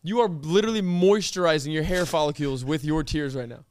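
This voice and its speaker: A man hosting a podcast, exasperated and teasing, calling his co-host bro as he tries to get him to calm down. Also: fairly high pitch, fairly quick, a little hiss or hum. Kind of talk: casual chat. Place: indoor studio. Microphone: close mic.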